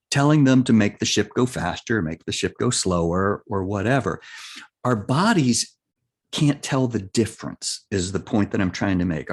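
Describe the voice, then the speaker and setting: Earnest man explaining with "right?" check-ins. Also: lowish voice. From United States. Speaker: life and business coach. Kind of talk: interview guest, conversational explaining.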